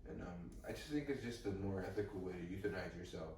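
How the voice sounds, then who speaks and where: A young man co-hosting a comedy podcast, rambling through deadpan, absurd improvised stories. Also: low voice, very fast, background noise. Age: young adult. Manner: deadpan rambling storyteller, escalating absurd bits. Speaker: podcast co-host. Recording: echoey room, distant mic.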